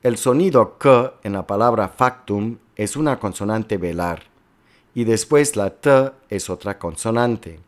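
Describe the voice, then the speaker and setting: A man lecturing slowly and carefully, working step by step through examples as a teacher. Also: on the low side. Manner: slow, careful, explanatory delivery with worked examples. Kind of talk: recorded lecture on historical linguistics.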